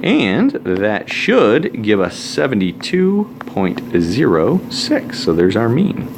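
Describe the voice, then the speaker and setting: A man's voice: fairly low pitch, huge pitch swings, slow pace, creaky, noisy background. A man teaching a recorded math lesson, talking casually with joking asides while he writes out formulas.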